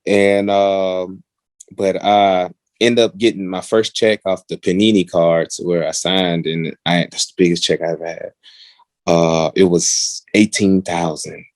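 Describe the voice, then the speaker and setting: A young man, a pro football player, casually telling a story on a podcast and jumping to a higher voice when quoting people. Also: fairly even intonation, unhurried, dry recording. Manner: acts out quotes in a raised, higher voice.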